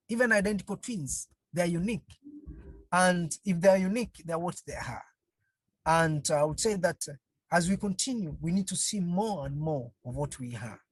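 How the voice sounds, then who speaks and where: Giving a webinar through a video call, a counselling trainer speaks slowly and haltingly in a slightly rough, medium-pitched voice. Phrases recur and rhetorical questions are asked constantly. The audio has no echo but is low in quality.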